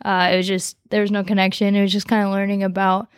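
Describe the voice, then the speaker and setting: Teen girl guest, high schooler, flat delivery, easygoing and rambling, dry close mic. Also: fast, clear, resonant tone, no echo. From United States. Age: teens. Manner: relaxed, rambling with fillers. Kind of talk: casual conversation, personal story.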